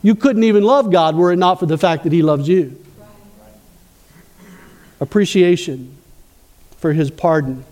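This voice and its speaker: A man's voice: high-pitched, a little slow, pauses often, a little mellow, long reverb tail. A man preaching a sermon as pastor, asking the congregation questions as he goes.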